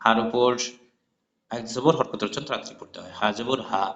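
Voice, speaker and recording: A man's voice: mid-range voice, a bit bright. Man teaching Quran recitation, echoey lo-fi. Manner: explains patiently, spells letters aloud, then chants words slowly. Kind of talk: spoken lesson with chanted examples. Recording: echoey, dull lo-fi room recording.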